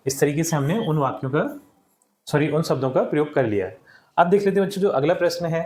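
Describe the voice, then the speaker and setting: Male teacher, slightly high-pitched, steady and patient, talks to kids, roomy echo. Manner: patient, explains step by step, often addresses children. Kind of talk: classroom lesson explanation.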